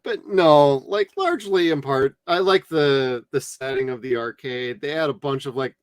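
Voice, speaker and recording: An American man chatting casually as a movie review co-host, in a slangy, animated way. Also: medium pitch, normal speed, no echo. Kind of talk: casual chat.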